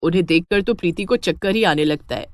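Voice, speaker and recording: A woman's voice: lowish voice, fast talker, no echo. A woman narrating a cartoon moral story in scripted storybook style. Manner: lively, expressive.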